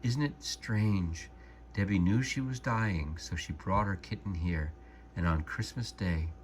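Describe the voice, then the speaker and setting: A man voicing a kind, worried older woman who owns a cat, in a soft, trembling voice, reading a storybook aloud. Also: low voice, unhurried, slight background noise. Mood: wistful.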